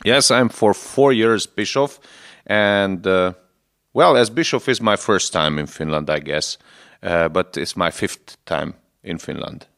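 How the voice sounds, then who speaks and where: With vocal fry and a fairly bright tone in a voice that sits low, a forties-aged Lutheran bishop from Romania's Transylvania responds to a radio interview. Hungarian is his first language, so his English comes out halting and earnest as he hunts for words.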